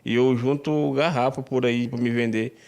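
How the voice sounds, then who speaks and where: A man's voice: mid-range voice, steady tone, moderate pace, creaky, a little mellow. A man with an Amazonas Brazilian accent telling his story plainly and wearily in a news interview. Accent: Amazonas Brazilian Portuguese.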